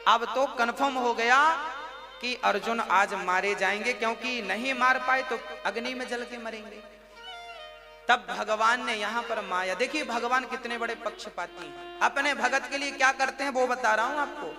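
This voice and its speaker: High pitched guy giving a story sermon, acts out the lines, violin playing in the background. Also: moderate pace. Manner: animated storytelling, acting out quoted dialogue. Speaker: spiritual storyteller. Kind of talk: devotional katha sermon. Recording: live sermon with violin music behind.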